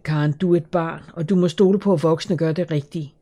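A woman reading the lines of a gentle middle-aged aunt who soothes a child while breaking hard news. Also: low-pitched, steady tone. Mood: soothing. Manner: soft, soothing, slightly shaky.

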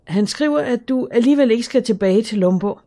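A woman reading the lines of a gentle middle-aged aunt who soothes a child while breaking hard news. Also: fairly high pitch, pitched above the performer's own voice, natural voice. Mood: hesitant. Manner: soft, soothing, slightly shaky.

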